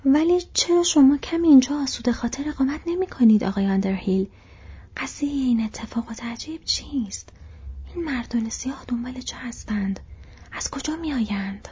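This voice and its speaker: A woman voicing a fat, fretful, easily frightened male innkeeper in a breathy whisper, as whispered role-play in a storybook reading. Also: high voice, mellow, highs cut off, pitched above the performer's own voice.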